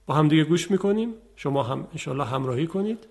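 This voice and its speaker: Man, tajweed teacher, calm explanatory tone, slightly high voice, demonstrates sounds. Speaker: Quran recitation teacher. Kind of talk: tajweed lesson.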